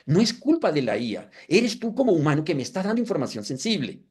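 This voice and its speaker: Fast and husky, this fiftysomething man's voice leans high as he leads a live webinar demonstration. He keeps things lively with rhetorical questions for the audience and jokes at his own expense.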